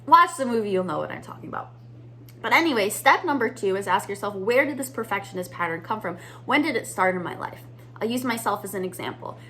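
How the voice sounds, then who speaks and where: An American woman coaches business owners on mindset, teaching to camera in an upbeat, conversational style and calling her viewers "you guys." Her medium-pitched voice is bright and forceful, with lively intonation and a quick pace.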